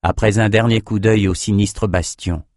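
A man narrating an audiobook in a steady, measured voice. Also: on the low side, no echo, clean studio sound.

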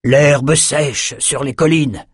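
A man voicing a husky old wizard. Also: mid-range voice, animated, a little slow, no echo, studio quality. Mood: eager. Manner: urgent, commanding outbursts. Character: old male wizard, proud and protective. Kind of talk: audiobook character voice.

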